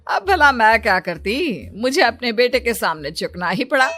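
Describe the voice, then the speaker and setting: A woman's voice: on the high side, very animated, normal speed, bright, forceful tone, slight background noise. A woman voicing a bossy, scheming, wealthy mother-in-law in a cartoon story, with a haughty manner. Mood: falsely helpless. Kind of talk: Hindi cartoon story dialogue. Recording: music behind the voice.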